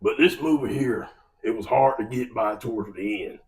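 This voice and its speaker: An American man rants to camera about a film, exasperated and opinionated, with a folksy, emphatic manner. His voice is mid-range at a moderate pace, but the mic is distant and the audio poor.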